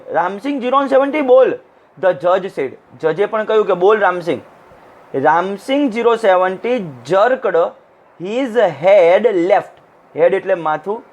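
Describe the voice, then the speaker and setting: In a lo-fi recording made for an online class, a man with a voice on the high side teaches an English lesson line by line. He translates each phrase and briefly acts out the lines.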